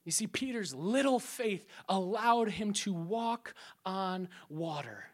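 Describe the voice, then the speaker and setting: A man preaching a sermon. He acts out scripture scenes and sometimes drops to a hushed, prayerful tone. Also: high-pitched, expressive, takes it slowly. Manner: acts out scripture scenes and crowd voices with playful sound effects.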